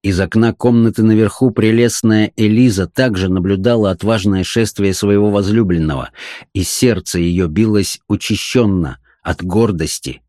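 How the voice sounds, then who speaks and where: A man narrating an audiobook with expressive storytelling. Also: fairly low pitch, normal speed, dry recording, clean studio sound.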